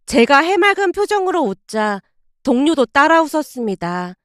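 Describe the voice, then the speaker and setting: High-voiced woman narrating a story. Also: moderate pace, no room sound, studio quality. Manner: calm, recounting. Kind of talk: first-person story narration.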